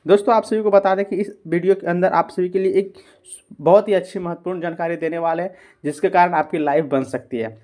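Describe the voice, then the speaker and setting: Speaking briskly in a high, slightly mellow voice with fairly even intonation, a man hosts a screen-recorded YouTube tutorial. He walks his audience through each step, keeps addressing them as friends, and regularly poses and answers his own questions.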